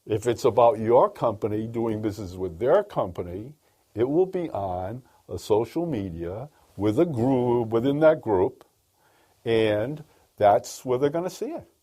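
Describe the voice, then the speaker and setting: Male talk radio host, lively pitch, mellow dark tone, preachy and emphatic, repeats himself for effect. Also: unhurried. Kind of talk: call-in radio business talk.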